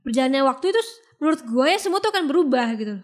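This woman hosts the chat with a high voice that sits well above most. She fires off playful, teasing questions at a quick clip. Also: expressive. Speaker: podcast host. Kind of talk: casual interview chat.

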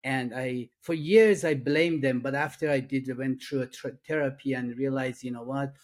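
Speaking at a medium pitch with fairly even intonation, this addiction and trauma coach from Iran answers interview questions in a relaxed setting. He's middle-aged, speaks Persian with an Iranian accent, and talks softly and earnestly, stumbling through fillers and restarts.

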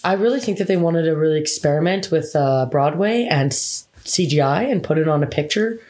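A woman's voice: low-pitched, brisk, a little mellow. A woman reviewing a movie in casual chat, talking things through with some hesitant restarts.

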